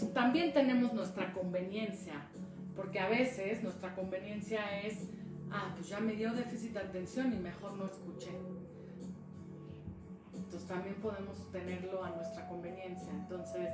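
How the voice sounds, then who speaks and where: A woman telling a personal story casually on a live stream, acting out the dialogue as she goes. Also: mid-range voice. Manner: chatty, acts out dialogue in the story. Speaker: speaker sharing a personal experience. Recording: echoey room with music behind.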